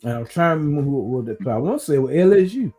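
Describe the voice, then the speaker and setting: A man's voice: on the high side, very fast, breathy edge, faint music behind. Rambling man chatting casually. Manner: relaxed, rambling, talks through his uncertainty. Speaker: podcast host. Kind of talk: casual chat.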